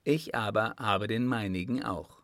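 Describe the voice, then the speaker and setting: A man's voice: lowish voice, measured pace, dry recording, clean studio sound. Man playing a firm, earnest tribesman. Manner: firm, serious and steady. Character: earnest, dutiful young tribesman, defiant but calm.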